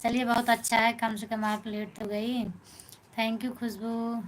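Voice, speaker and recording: A woman's voice: a little high, little pitch movement, measured pace, crowd noise. A woman with an Awadhi accent, a folk singer chatting casually on a live stream, thanking viewers by name and answering their comments.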